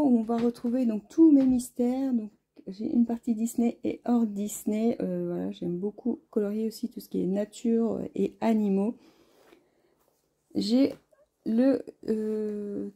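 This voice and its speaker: A woman talks casually to her viewers from home, pausing often with filler sounds. Her voice is very dark and mellow, with a gravelly fry and a husky edge. She sounds friendly and unhurried as she shows off her craft things. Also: mid-range voice. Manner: hesitant, many filler sounds; friendly, speaks straight to viewers. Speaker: craft vlogger. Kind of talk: casual chatty show-and-tell vlog.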